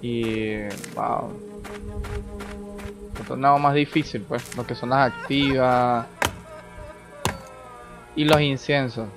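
A man talks his way through a game session in a loose, rambling way, thinking aloud as he goes. His voice sits at an ordinary middle pitch. Game music plays clearly behind him. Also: fairly even intonation, takes it slowly, pauses often. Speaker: gaming channel host. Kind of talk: casual gameplay commentary.

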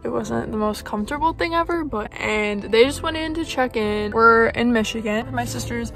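A woman's voice: on the high side, moderate pace, fairly bright tone, soft background music. A young woman in casual vlog chat, talking in a hotel room and saying "like" a lot. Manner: chatty, uses "like" often. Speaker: vlogger.

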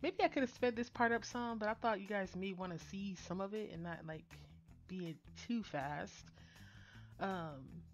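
A woman's voice: mid-range voice, moderate pace, faint music behind. A woman narrating her nail art tutorial in a casual, chatty voice-over that rambles with fillers and restarts.

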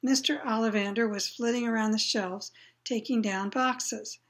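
A woman's voice: a little high, steady tone, normal speed. A woman reading a children's novel aloud, plain storytelling with brief asides to listeners. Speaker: reader.

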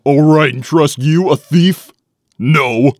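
A man voicing a gruff, easily irritated young echidna guardian in a cartoon comic dub, brooding and terse. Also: a little high, a little mellow, no room sound, clean studio sound. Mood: grudging. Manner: brooding and terse, quick to get indignant.

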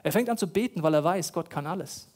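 High-voiced preacher telling stories. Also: male voice, animated, fast, a little mellow. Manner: dramatic storytelling, repeats phrases for emphasis. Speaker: pastor. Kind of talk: sermon.

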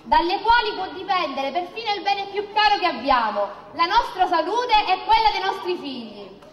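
Political rally orator, woman, very high lively voice, emphatic scripted delivery. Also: normal speed, highs cut off, noisy background. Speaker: campaign speaker. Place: outdoor stage in a town square at night. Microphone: stand microphone at a podium. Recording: echoey outdoor public-address hall reverb.

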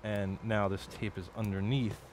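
A man with a fairly low voice talks his way through a late-night build at his home workbench. He rambles, swears and corrects himself as he goes. A faint hiss sits under the recording. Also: little pitch movement, normal speed. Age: adult. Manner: rambling, profane, self-correcting. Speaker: electronics hobbyist streamer. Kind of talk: casual build commentary.

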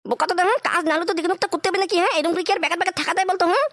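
A woman voices rowdy cartoon lads in crude, slangy banter, tacking a quick question onto nearly every line. Her voice is very high and races along. The recording is dry and close. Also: a bit bright, no echo. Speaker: cartoon voice artist.

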